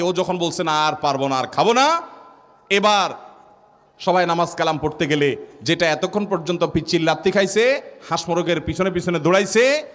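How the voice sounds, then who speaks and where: Male preacher, high-pitched, vivid storytelling, long hall reverb. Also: fairly bright tone. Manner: vivid storytelling with repeated rhetorical questions. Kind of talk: Islamic sermon with storytelling.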